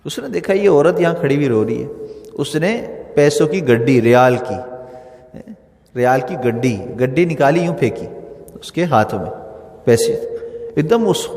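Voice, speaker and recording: A man preaching a Friday sermon in a mosque, repeating key phrases for emphasis. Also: a little high. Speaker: mufti giving a Friday sermon. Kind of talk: Urdu sermon with storytelling. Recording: echoey hall with long reverb.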